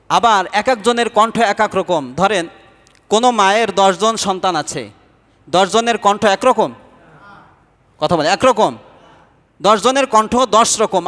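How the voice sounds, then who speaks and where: A man with a high voice preaches a sermon, and the sound rings with the long reverb of a large hall. He keeps putting questions to his listeners and then answering them himself. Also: fairly bright tone. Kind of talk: Islamic sermon.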